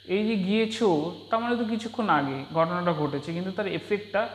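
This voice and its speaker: High-voiced man teaching in an echoey room. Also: slight background noise. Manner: patient, repeats examples in slow drills. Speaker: English teacher. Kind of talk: spoken English lesson in Bengali. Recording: echoey room with long reverb.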